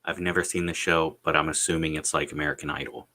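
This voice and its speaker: A man chatting casually on a solo livestream, rambling and halting, repeating words and pausing as he goes, with blunt, sweary language. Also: extremely low pitch, flat delivery, pushed and bright. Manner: halting, meandering delivery with repeated words and drawn-out pauses.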